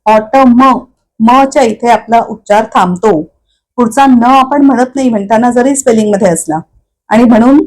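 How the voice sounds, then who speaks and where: A woman teaching English pronunciation, explaining each word slowly and patiently with many repetitions. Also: fairly high pitch, darkish tone, rough recording. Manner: slow, patient explaining with repeated words. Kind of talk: Marathi-medium English pronunciation lesson.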